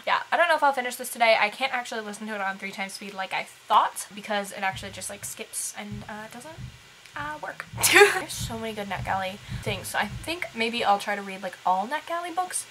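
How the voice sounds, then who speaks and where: A woman's voice: mid-range voice, animated, brisk, pushed and bright, slight background noise, poor audio. A woman vlogging casually about books, chatty and full of fillers, with laughing asides. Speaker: book vlogger. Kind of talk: casual chat.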